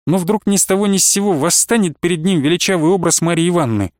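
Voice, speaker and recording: A man reads a classic novel aloud in a measured, expressive way, his voice sitting a bit higher than most men's. The sound is dry and close, with no room around it. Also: no echo. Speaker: audiobook narrator. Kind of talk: scripted narration of a classic novel.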